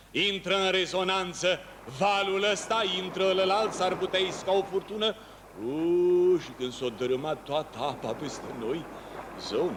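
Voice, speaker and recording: An actor playing a lonely fisherman who talks to himself, musing aloud and breaking into long calls. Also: high-pitched. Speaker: actor in a one-man stage play. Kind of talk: theatrical monologue. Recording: noisy ambient background.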